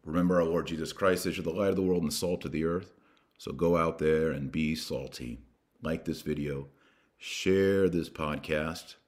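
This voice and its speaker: A low-voiced man hosts a religious podcast, urging listeners on in an emphatic, preachy manner. He leans on repetition and dramatic pauses, mixing in everyday colloquialisms.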